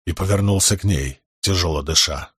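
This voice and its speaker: A male audiobook narrator with a low, husky voice reading in a steady, measured way. The recording is close and dry, with no room sound. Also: no room sound. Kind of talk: scripted narration.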